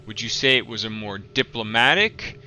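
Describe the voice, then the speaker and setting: A man narrating a tabletop game as game master, improvising descriptions in a halting way. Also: fairly low pitch, lively intonation, sharp tone, faint music behind.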